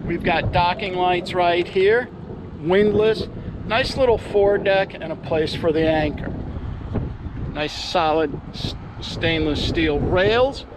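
Outdoors at a marina with noisy background, a man gives an upbeat salesman's walkthrough tour of a boat, pointing out its features. He takes his time speaking.

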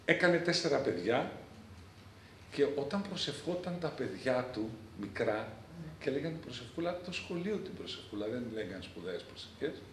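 A man's voice: medium pitch, very animated, a bit bright, slight background noise. A man who is a priest, telling a story to an audience and acting out the people he quotes. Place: event venue at a country estate. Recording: roomy echo, faint ambience.

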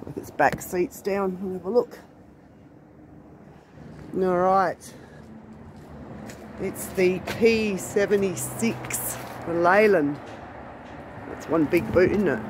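Walking through an outdoor car wrecking yard with a handheld phone, a woman vlogger offers casual, admiring commentary, musing aloud and posing rhetorical questions. Her voice is fairly low and unhurried, with long pauses. The windy, noisy recording is full of wind noise.

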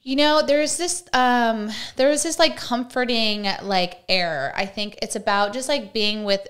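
A young adult woman chatting casually on a podcast as an actress guest, animated and filling her talk with "like.". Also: fairly high pitch, a little slow. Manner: chatty, animated, heavy use of "like".

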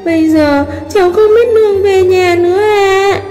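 A woman voicing a small, timid little boy rabbit in a storybook tale, in a squeaky childlike voice. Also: moderate pace. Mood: crying. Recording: long hall reverb, soft music behind.

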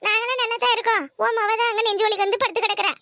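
A woman with a southern Tamil Nadu accent voicing a spiteful, scheming mother-in-law who taunts and scolds at a rapid clip. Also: very high-pitched, steady tone, bright, forceful tone, heavily acted. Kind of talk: cartoon voice acting.

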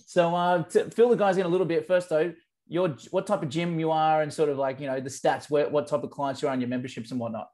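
A man's voice: fairly high pitch, fairly even intonation, fast talker, darkish tone. Upbeat host in his thirties on a video call, earphone mic, casual slang, enthusiastic. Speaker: marketing agency host. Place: office with branded backdrop. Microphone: earphone headset.

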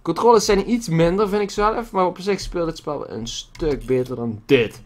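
A gaming YouTuber with a fairly high-pitched voice talks at normal speed as he plays, cursing constantly and exaggerating his annoyance. He's at his desk with a noisy keyboard and a desk mic, and there's a little hiss or hum.

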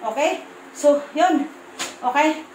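A woman with a Visayan accent talks to her camera from home in a firm, blunt way, stumbling and restarting her words. Her voice sits high. The room has a marked echo and a faint hum of background noise. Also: slow pace, a little mellow. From Visayas, Philippines. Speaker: vlogger. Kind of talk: casual vlog to camera.

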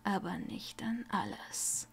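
A woman voicing a dying older wizard, bitter and cold, who rasps and often sinks to a weak whisper. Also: medium pitch, very animated, slow pace, heavily acted. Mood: rasping weak. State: coughing, ill.

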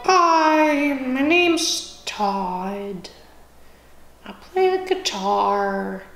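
Teenage boy playing spacey guitarist, parody news interview, muddled, swooping pitch, drawn-out slow speech, echoey room. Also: big pitch swings, creaky, heavily acted. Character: slow, spacey self-proclaimed veteran guitarist Todd. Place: indoor music room, camera nearby. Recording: echoey room with faint noise.

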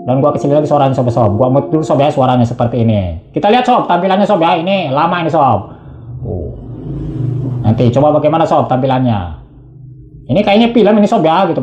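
A man's voice: on the high side, animated, a little fast, a little mellow, roomy sound, lo-fi sound, soft background music. A man narrating a casual tech tutorial, chatty and slangy, constantly addressing viewers.

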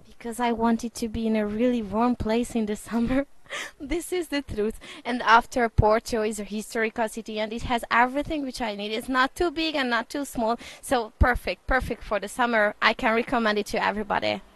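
An energetic young woman answering and asking interview questions on a handheld mic indoors. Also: a little high, poor audio. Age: young adult. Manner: energetic, quick bursts. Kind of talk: casual interview. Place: indoor hostel reception.

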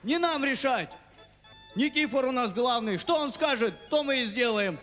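A man's voice: very high voice, lively intonation, normal speed, sharp tone, exaggerated voice. A man playing a meek village peasant in a stage comedy sketch. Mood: deferential. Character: meek village peasant following his leader. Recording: echoey hall, distant, music behind.

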